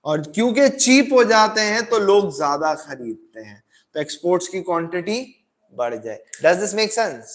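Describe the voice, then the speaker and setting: A man's voice: sits high, very animated, unhurried. A man teaching economics to a class, asking repeated questions and mixing in English. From Pakistan. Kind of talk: classroom lecture.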